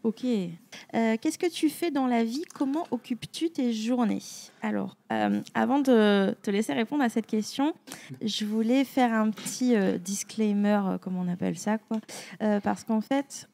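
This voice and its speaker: Gravelly-voiced woman in her thirties hosting. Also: fairly high pitch, unhurried. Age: 30s. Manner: lively, outspoken, informal. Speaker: podcast host. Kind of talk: podcast intro and interview.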